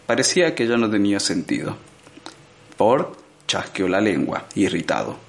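A male audiobook narrator with a fairly low voice, reading scripted narration in a measured, expressive manner. He paces the story evenly and lets dramatic moments land. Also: vocal fry.

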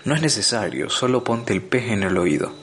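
A man's voice: fairly low pitch, very animated, normal speed, a bit bright, slight background noise. A man voicing a cheerful, smug alien hitchhiker who talks in an offhand, amused way. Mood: breezy.

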